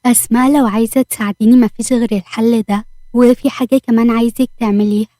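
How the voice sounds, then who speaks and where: A woman's voice: on the high side, fairly even intonation, quick pace, mellow, dry recording, close to an everyday voice. A woman with an Egyptian accent voicing a young man in trouble who speaks steadily and persuasively.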